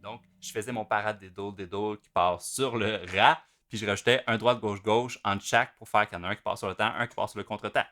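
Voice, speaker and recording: Low-voiced drum teacher. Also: male voice, fairly quick, hardly any pauses, over music. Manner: relaxed, talks through patterns with many fillers. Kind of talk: casual instructional explanation.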